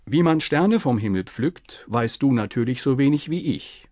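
A man's voice: mid-range voice, expressive, normal speed, darkish tone, no echo, studio quality, lightly acted. A man voicing a pompous, moody old king in a read-aloud fairy tale, in a raised, emphatic, declaiming voice. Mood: pleased.

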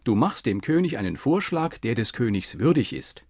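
A man's voice: medium pitch, big pitch swings, normal speed, darkish tone, breathy edge, no room sound, clean studio sound. A man voicing a pompous, moody old king in a read-aloud fairy tale, in a raised, emphatic, declaiming voice. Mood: pleased.

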